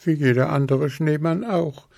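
A man's voice: fairly high pitch, normal speed, gravelly, darkish tone, dry recording, pitched above the performer's own voice. A man doing eager little rabbit kids.

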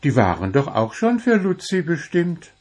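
A man voicing a cheerful, meddling little male kobold in a high, bubbly, chatty voice. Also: wildly swooping pitch, normal speed, a little mellow. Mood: cheerful teasing.

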